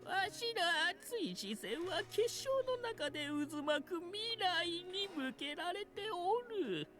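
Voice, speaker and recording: A mystical old fortune teller reads horoscopes over a crystal. The voice is high and swoops widely, theatrical and cryptic, with faint music underneath. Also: male voice, big pitch swings, pushed and bright, heavily acted. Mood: mystical, ominous. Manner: theatrical, cryptic, drawn-out pronouncements. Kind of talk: mystical horoscope reading in an audio drama.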